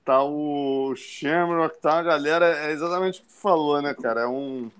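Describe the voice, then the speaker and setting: A Brazilian man hosting a casual interview, relaxed and slangy, prompting his guest with questions. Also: a little high, moderate pace, crowd noise. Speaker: host.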